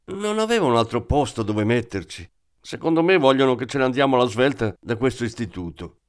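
A man reading the lines of a blunt, excitable male deputy inspector in an audiobook. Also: medium pitch, fairly quick, natural voice. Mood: grumbling.

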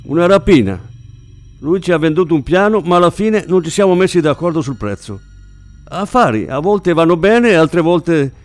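A man's voice: a little high, lively intonation, moderate pace, soft background music, pitched above the performer's own voice, lightly acted. A man voicing a menacing middle-aged gang boss with a tense, clipped delivery. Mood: shrugging.

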